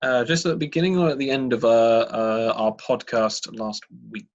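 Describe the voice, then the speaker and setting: A man's voice: mid-range voice, moderate pace, muffled recording. A man from the UK with a British accent, a guest on a casual podcast, who restarts his words often and laughs easily. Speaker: podcast guest, game developer.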